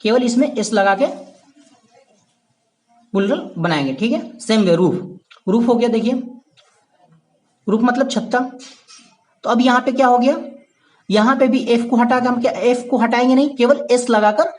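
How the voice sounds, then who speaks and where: A man's voice: very high voice, normal speed, long pauses. Male tutor, patient lesson delivery, repeats himself for emphasis. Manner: repeats key points, checks in with "ठीक है"; addresses viewers as "my dear friend". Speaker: English grammar teacher. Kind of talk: classroom grammar lesson.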